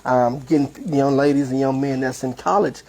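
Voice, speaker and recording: A man's voice: medium pitch, fairly even intonation, normal speed, a little mellow, rough recording. A man hosting a community podcast, interviewing his guest in a laid-back way with frequent affirming remarks. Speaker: host. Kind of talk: casual interview.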